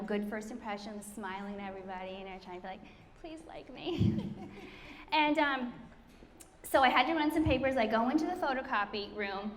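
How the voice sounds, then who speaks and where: A woman's voice: a little high, fairly bright tone. A middle-aged woman telling a chatty, self-deprecating story to an audience, laughing often. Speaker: speaker introducing the founder. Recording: hall reverb, faint room noise.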